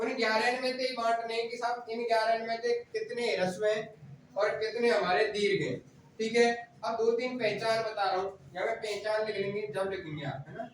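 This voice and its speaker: A man's voice: high voice, fairly even intonation, moderate pace, distant mic. A male teacher, drilling a class in grammar, repeating points and scolding students. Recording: very echoey room, voice from afar, faint noise.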